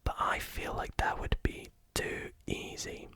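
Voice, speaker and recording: A magician giving a whispered ASMR tutorial, gently explaining things step by step. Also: unhurried, dry recording. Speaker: magician teaching a card trick.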